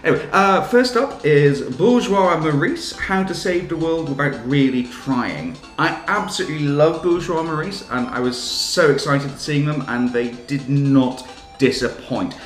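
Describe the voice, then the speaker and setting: A man's voice: on the high side, animated, measured pace, faint music behind. Gushing male theatre reviewer, echoey room. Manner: enthusiastic, self-deprecating, gushing. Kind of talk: chatty video review. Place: room with music playing.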